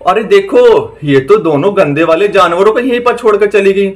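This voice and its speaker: A man with a fairly high voice narrates a doll play story. He talks eagerly and exclaims often, repeating his calls to look again and again. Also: normal speed.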